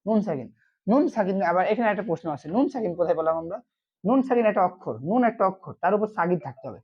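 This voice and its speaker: Quick-talking Quran teacher, dull sound. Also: medium pitch, expressive, breathy edge. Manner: repeats questions and answers them himself. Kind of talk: online lesson.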